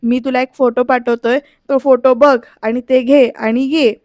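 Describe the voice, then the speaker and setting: A brisk, bossy young man on the phone, as read by a woman. The voice is high and dry, and he quickly tells his friend what to fetch. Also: fairly even intonation, darkish tone, no echo. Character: cheerful young man giving quick instructions.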